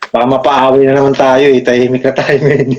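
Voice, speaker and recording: Isang lalaking bisita sa kaswal na kuwentuhan, sumasang-ayon at tinatawag na bro ang kausap. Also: male voice, medium pitch, level tone, a little fast, darkish tone. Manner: agreeable, calls the host bro. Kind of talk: casual chat. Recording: dull lo-fi line with faint noise.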